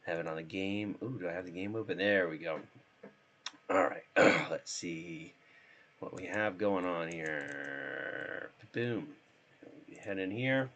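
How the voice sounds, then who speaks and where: Hoarse from being sick, a man chats casually and thinks out loud as he sets up a live stream and plays a game. His voice is low and a bit bright, and he takes his time.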